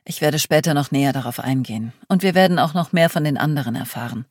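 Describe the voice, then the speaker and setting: A woman reading the part of a calm, guarded man leading a group, speaking tersely and evasively. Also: deep voice, quick pace, dry recording, studio quality. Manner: terse, composed, ominous.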